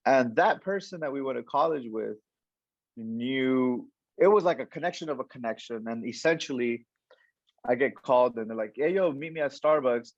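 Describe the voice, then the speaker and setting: A man's voice: medium pitch, no echo, lo-fi sound. A young man, a coach and guest, tells a story in casual interview talk, acting out the lines of the people in it and restarting his sentences often. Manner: animated storyteller, acts out quoted dialogue, many restarts.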